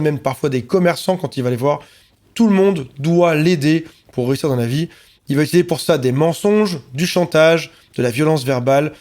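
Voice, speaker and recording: A man's voice: a little high, darkish tone. A man, a relationship coach, talking to camera in an earnest, reassuring way and listing points in repeated phrases.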